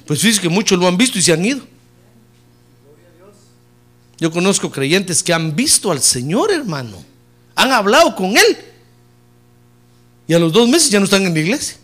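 A man preaches a sermon in a high, lively voice that swoops widely in pitch. He is a middle-aged pastor who mixes jokes into his message. He climbs to loud emphatic peaks, then drops low and soft when addressing his listeners. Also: slightly rough. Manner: preaching with humor, rising loud on key points and dropping low and soft on "hermano".

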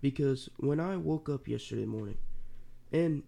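A man's voice: mid-range voice, moderate pace, vocal fry, dark tone. A congested man co-hosting a podcast, chatting casually and telling stories. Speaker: podcast co-host. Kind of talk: casual chat.

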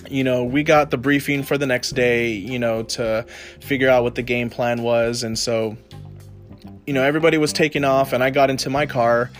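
A man, a military veteran, telling a personal story in a casual way, with lots of "you know" and swearing. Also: mid-range voice. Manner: casual, heavy use of "you know" and profanity.

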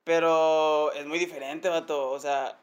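Man, slightly high voice. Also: level tone, measured pace. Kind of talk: casual chat.

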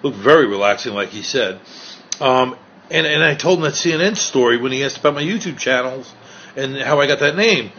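A man with a New York accent speaks in an animated, mid-range voice, a little fast and sharp in tone. As a street video creator in a city park, he chats loosely with strangers and recaps on video, rambling with fillers. Slight background noise runs through the dull lo-fi street recording.

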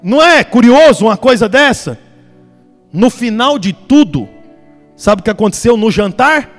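High-voiced preacher telling a story. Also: male voice, moderate pace. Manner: animated, acts out the characters. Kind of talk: sermon storytelling. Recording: long reverb, soft music behind.

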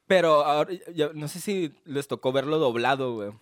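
A man from Sonora with a Sonoran Mexican accent, co-hosting a relaxed, slangy chat about anime. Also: on the high side, brisk, no echo, clean studio sound. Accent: Sonoran Mexican Spanish. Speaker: podcast co-host.

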